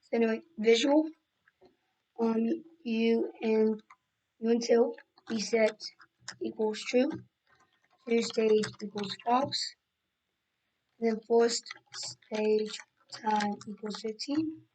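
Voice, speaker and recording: Hoarse woman talking through a coding tutorial. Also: a little high, takes it slowly, pauses often, a little mellow, rough recording. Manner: casual, rambling with fillers and restarts. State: losing her voice, coughing. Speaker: tutorial host. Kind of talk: screen-recorded coding tutorial.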